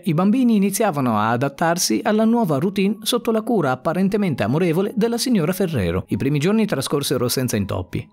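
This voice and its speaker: A man narrating a scripted story in a dramatic, expressive way. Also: medium pitch.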